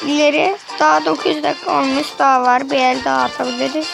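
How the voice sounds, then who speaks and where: A woman giving casual gameplay commentary on a tablet, excitable and quick to get frustrated, swearing casually as she plays. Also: high-pitched, gravelly. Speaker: gaming channel host. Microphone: tablet screen recording. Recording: game music loud behind voice.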